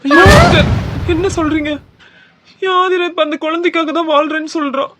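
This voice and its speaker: A man's voice: extremely high pitch, steady tone, brisk, pushed and bright, dry recording, soft background music. A man voicing a grieving young husband in a cartoon, speaking in an emotional, pleading way. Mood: distraught. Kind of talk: cartoon dubbing.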